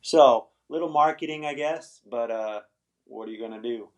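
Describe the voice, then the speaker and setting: A middle-aged man in Los Angeles hosts an English-teaching livestream, chatting casually and rambling with viewers. He talks at a moderate pace in a mid-range voice, often adding "right?" to his points.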